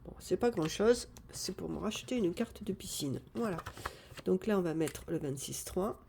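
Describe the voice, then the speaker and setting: A woman chatting casually live on a phone camera, thinking out loud as she sorts and counts cash. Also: fairly low pitch, animated, moderate pace, gravelly, a little hiss or hum. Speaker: budgeting vlogger.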